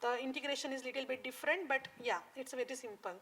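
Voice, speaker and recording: A woman explaining code on a conference stage, halting with many fillers and non-native phrasing. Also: sits high, fairly even intonation, a bit bright, husky. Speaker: conference speaker. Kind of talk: live tech talk on stage.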